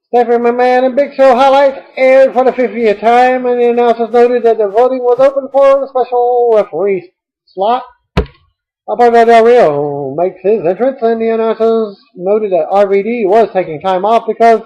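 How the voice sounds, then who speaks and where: A man's voice: very high voice, warm tone, muffled recording. A man reading out a recap of a televised wrestling show, with dry asides. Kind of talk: read-aloud show recap.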